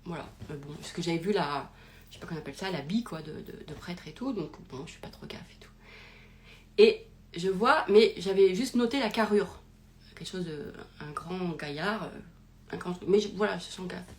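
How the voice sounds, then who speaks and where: A woman's voice: on the low side, fairly quick, darkish tone. A young woman telling a personal story in a casual, rambling way, with many fillers and restarts, recorded live on a phone. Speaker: podcast host.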